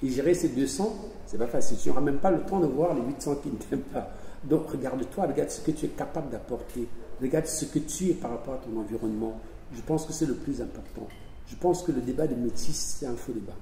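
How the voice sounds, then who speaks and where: A man's voice: medium pitch, fast talker, creaky, mellow. A man speaking as an author to an audience, emphatic, repeating his phrases and acting out little dialogues. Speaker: author speaking at a public event. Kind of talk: spontaneous talk to an audience. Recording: echoey hall, voice from far off, faint noise.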